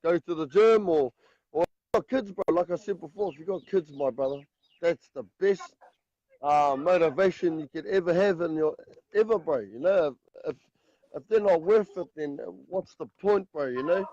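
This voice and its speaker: A man with a broad New Zealand accent speaks in a fairly high, soft-toned voice. He is casual and earnest, like a guest caller giving encouragement. The audio is dry and somewhat dull. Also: moderate pace, dry recording. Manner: repeatedly punctuates phrases with "bro". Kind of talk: casual, earnest motivational talk.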